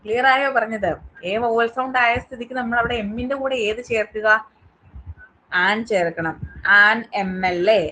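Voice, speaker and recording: A woman's voice: fairly high pitch, moderate pace, bright, forceful tone, slight background noise, rough recording. A woman teaching an online English class with a Malayali accent, asking her students question after question to check they follow. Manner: asks the class many quiz questions, checking understanding.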